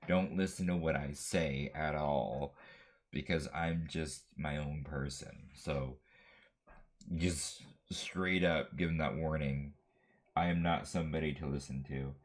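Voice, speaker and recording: A man's voice: very deep voice, fairly even intonation, a little slow. A man casually chatting about his drawing, rambling with lots of fillers and restarts. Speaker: vlogger.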